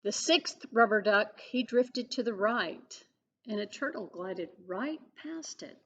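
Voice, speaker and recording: A children's librarian, a woman, reading a picture book aloud with expressive storytelling and questions for young listeners. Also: medium pitch, slow pace, highs cut off. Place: public library.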